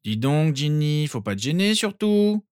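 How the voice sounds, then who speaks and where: A man's voice: fairly high pitch, expressive, brisk, fairly bright tone, no echo, clean studio sound, voice pushed up. A man doing a grumbling teen boy. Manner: grumbling, blunt.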